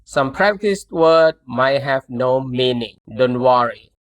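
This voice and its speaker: A man's voice: mid-range voice, lively intonation, slow. A man with a Thai accent teaching a pronunciation lesson, speaking patiently and repeating syllables for the learner to copy.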